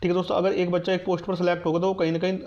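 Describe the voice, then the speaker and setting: This exam news and guidance YouTuber has a high, slightly mellow voice with little pitch movement, and he talks at a racing pace. He gives students an informal exam update, repeating himself to reassure and instruct them. The sound is dull, muffled and lo-fi.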